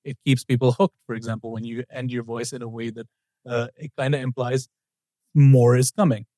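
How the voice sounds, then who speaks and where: A man co-hosting a podcast in a relaxed, chatty way, laughing often. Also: mid-range voice, brisk, dry recording. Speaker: podcast co-host. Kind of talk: casual podcast chat.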